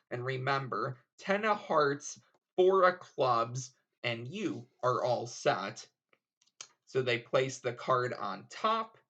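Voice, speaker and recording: A man's voice: medium pitch, bright, forceful tone, muffled recording. A man presenting a casual card trick tutorial, explaining step by step in an informal way.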